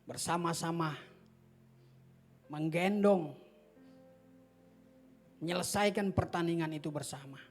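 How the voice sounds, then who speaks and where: A man preaching a sermon as a pastor in a church hall, impassioned, swinging between near-shouts and whispers. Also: on the high side, takes it slowly, long pauses, soft background music.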